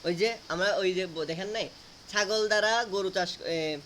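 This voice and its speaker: A man's voice: high voice, a little slow, a bit bright, a little hiss or hum. A man teaching a grammar lesson, asking students questions and repeating answers to drill them.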